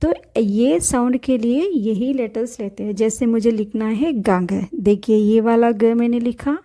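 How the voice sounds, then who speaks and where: Slow, patient woman teaching letters. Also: on the high side, mellow. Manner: patient, repeats letters slowly for the learner. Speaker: language teacher. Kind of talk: step-by-step writing lesson.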